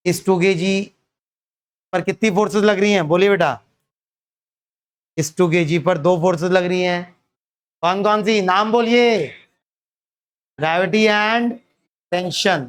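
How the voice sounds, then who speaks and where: A man teaching a physics lesson to students. He keeps asking them questions and then answers them himself. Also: high voice. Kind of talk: classroom lecture.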